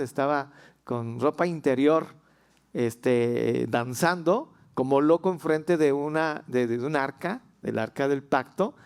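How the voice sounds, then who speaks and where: A man's voice: mid-range voice, clear, resonant tone. A man with a Mexican accent preaching a sermon as pastor in a folksy, humorous way that grows fervent, in a church. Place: church sanctuary.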